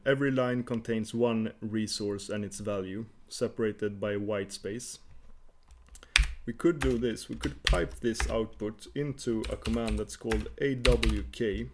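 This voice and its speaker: A man's voice: on the low side, heavy background noise. Hesitant man explaining code with fillers. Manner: hesitant, many fillers and restarts while typing. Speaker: tutorial host. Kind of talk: screencast coding tutorial.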